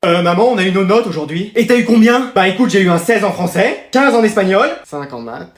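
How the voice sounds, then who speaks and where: Comedian flipping between characters, exaggerated, talks fast, pitch all over. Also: lively intonation. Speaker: sketch comedian. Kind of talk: comedy sketch acting.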